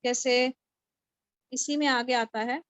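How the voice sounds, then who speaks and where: A woman's voice: sits high, steady tone, fairly bright tone, clear, resonant tone, no room sound. A woman teaching Quran recitation in an online class, explaining patiently and checking her students follow. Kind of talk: online tajweed lesson. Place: home, on a video call. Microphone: video call mic.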